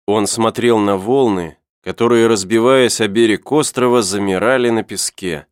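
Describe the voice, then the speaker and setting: A man narrating an adventure novel as an audiobook in an even, clear storytelling manner. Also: on the low side, normal speed, dry recording, studio quality.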